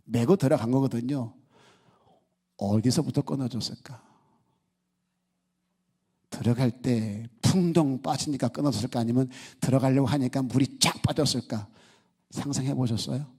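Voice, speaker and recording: A male pastor delivers a Sunday sermon in a mellow, slightly husky voice. He keeps it conversational, pausing to put rhetorical questions to the congregation. His pitch sits in an ordinary middle range. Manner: acts out quoted speech in the story.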